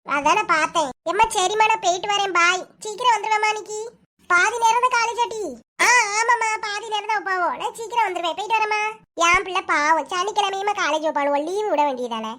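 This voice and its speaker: Very high-voiced woman with a Kanyakumari Tamil accent. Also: pushed and bright. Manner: quick, scolding, teasing dialogue. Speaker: cartoon narrator and voice actor. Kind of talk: cartoon voice acting, all characters.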